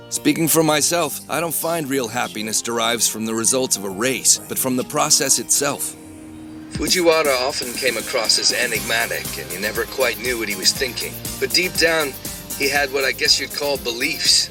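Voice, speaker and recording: An actor playing a composed, reflective male race analyst in an anime dub, speaking in a measured, thoughtful manner. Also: medium pitch, natural voice. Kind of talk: anime dub broadcast commentary.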